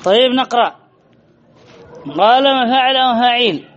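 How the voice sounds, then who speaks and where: A man's voice: very high voice, normal speed, a bit bright, muffled recording. A man teaching Arabic grammar to a class, quizzing students and repeating key phrases. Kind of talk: classroom lesson with questions to students.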